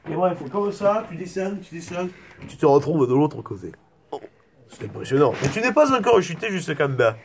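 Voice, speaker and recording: A man's voice: fairly high pitch, very animated, normal speed, a little hiss or hum. A young man from the south of France with a southern French accent, rambling through an absurd improvised comedy monologue with playful, mock-serious tangents. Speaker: comic vlogger.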